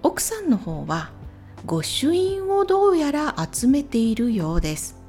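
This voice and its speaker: A woman hosting a solo podcast, talking clearly and unhurriedly, with soft whispered asides. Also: sits high, very animated, unhurried, soft background music. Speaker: podcast host. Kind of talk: scripted solo podcast recommending YouTube channels.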